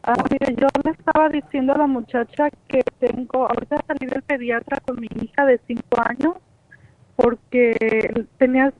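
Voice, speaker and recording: A woman's voice: high-pitched, fairly even intonation, normal speed, no echo. A woman calling into a radio show from a cellphone, carefully describing her child's symptoms while the line breaks up and glitches. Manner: detailed, concerned parent reporting symptoms. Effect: cellphone line breaking up, glitching audio. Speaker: caller. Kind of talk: call-in to a radio advice show. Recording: dull, muffled phone line.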